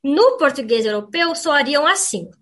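A woman teacher on a radio program, clearly and didactically explaining pronunciation and saying example words aloud. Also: high-pitched, animated, moderate pace, a bit bright. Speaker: language teacher.

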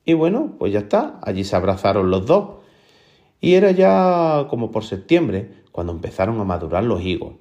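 Male storyteller, animated pitch, acts out dialogue. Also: normal speed, muffled recording. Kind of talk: oral folk tale telling.

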